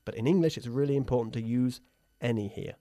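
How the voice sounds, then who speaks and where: A man's voice: mid-range voice, moderate pace, mellow, no echo. A man hosting an upbeat bilingual radio English lesson, who laughs often and drills pronunciation in a studio. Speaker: English teacher and host.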